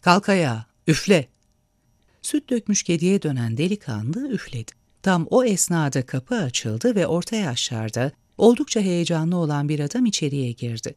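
A man reading a novel aloud in a measured, expressive narration. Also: a little high, no room sound, studio quality. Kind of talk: storybook narration.

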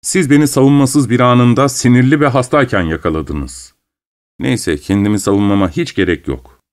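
A man narrating an audiobook voices a proud, irritable gentleman who speaks curtly and scornfully. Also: medium pitch, moderate pace, voice pushed up, close to an everyday voice. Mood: irritated. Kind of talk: audiobook character reading.

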